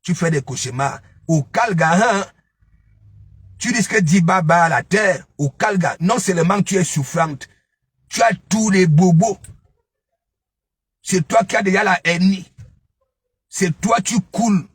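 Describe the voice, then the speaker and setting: Male commentator with a high, husky voice, scolding and mocking, dry sound. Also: unhurried, long pauses, no room sound. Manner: taunting, keeps asking "hein?". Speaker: online gossip commentator. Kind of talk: ranting live commentary.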